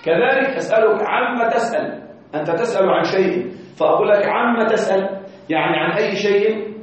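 A high-voiced man teaches an Arabic grammar class, repeating each example slowly and asking his students whether they follow. He chants quoted verses in a recitation tone. The recording is dull and distant, with a very echoey room around him.

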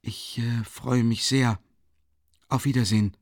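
A man voicing a withdrawn young man in an audiobook, subdued and halting, with hesitations. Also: medium pitch, steady tone, dry recording, clean studio sound, close to an everyday voice. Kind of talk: audiobook character reading.

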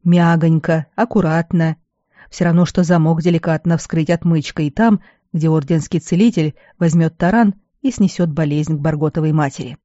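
A reader doing a weary old army healer. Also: male voice, fairly high pitch, steady tone, normal speed, no echo, lo-fi sound, close to an everyday voice. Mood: gently lecturing. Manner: gruff scolding, then gently fatherly. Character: weary middle-aged male garrison healer. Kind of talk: audiobook character voice.

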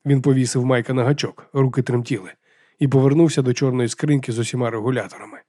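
A man reading an audiobook in an even, measured narration. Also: medium pitch, dry recording, clean studio sound. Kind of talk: scripted narration.

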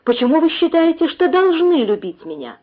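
A woman's voice: extremely high pitch, big pitch swings, normal speed, pitched above the performer's own voice. A woman reading an audiobook, voicing an anguished young man who pleads and questions with passion. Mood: pleading. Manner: impassioned, questioning. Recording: tinny phone-like sound.

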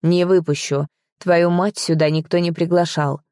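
A domineering, cocky young man, voiced by a woman reading an audiobook, who speaks in short, clipped commands. The voice is low and mellow, recorded dry and close. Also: level tone, moderate pace, dry recording, natural voice. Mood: commanding. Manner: curt, commanding. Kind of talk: audiobook character voice.

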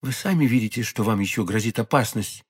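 A man's voice: on the low side, a little fast, slightly rough, pitched below the performer's own voice. A man voicing an ardent, insistent young musketeer in an audiobook. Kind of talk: audiobook character voice.

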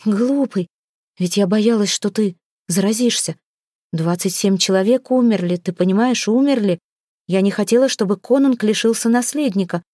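A woman's voice: medium pitch, moderate pace, dark tone, no room sound, clean studio sound, natural voice. A woman voicing a firm young healer woman. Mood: pleading. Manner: indignant, firm.

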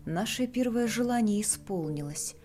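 A woman's voice: mid-range voice, expressive, moderate pace, dark tone, soft background music, natural voice. A woman voicing a grieving elderly mother who cries out in wild, hysterical bursts. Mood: frantic.

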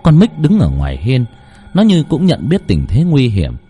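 A man's voice: medium pitch, wildly swooping pitch, normal speed, dark tone, slightly rough, soft background music. A man narrating a horror story with dramatic, tense delivery.

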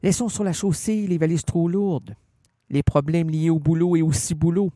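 A man's voice: a little high, steady tone, moderate pace, mellow, in a large hall. A man with a Québécois accent hosting a community radio show, joking in an absurd, playful way with mock ads and scripted readings. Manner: playful, absurd, jumps between silly bits and a reading voice. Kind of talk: zany radio banter and mock classified ads. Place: radio studio.

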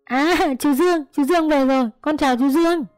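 Brief: a woman putting on a small, lively little girl, high and loud, calling out with glee, mellow tone. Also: fairly quick, no room sound, faint music behind, lightly acted. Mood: excited shouting. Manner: calling out loudly and gleefully.

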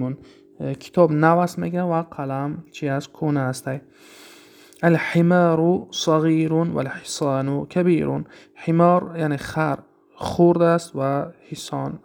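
A man's voice: a little high, gravelly, dark tone. A man with a Tajik accent teaching an Arabic grammar lesson, explaining step by step and answering his own questions.

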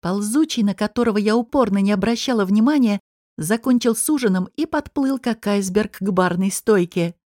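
A woman narrates a first-person audiobook in a mid-range voice, telling the story in a measured, expressive way. The recording is studio quality with no echo.

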